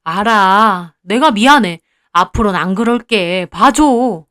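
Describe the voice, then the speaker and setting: A woman's voice: mid-range voice, animated, takes it slowly, fairly bright tone. A woman voicing a jealous, moody young man who is the narrator's fiancé, curt and sulky, in read-aloud story dialogue. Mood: coaxing.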